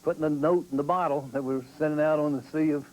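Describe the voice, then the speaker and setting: A man in a documentary interview telling stories from his years in television news, in a wry, lively way. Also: on the high side, quick pace, low-quality recording. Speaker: former TV newsman. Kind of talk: documentary interview, recalling the past.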